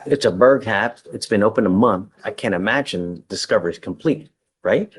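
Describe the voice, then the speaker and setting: A man's voice: on the low side, normal speed. A male judge presiding over a hearing in a courtroom, plain-spoken and conversational, with a joking side.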